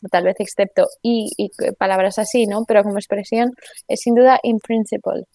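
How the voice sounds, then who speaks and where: Woman with a gravelly voice. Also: medium pitch, steady tone, fairly quick, mellow, no echo. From Spain. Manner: explains at length with frequent restarts and tag questions. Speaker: interview guest, economist and author. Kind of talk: conversational interview.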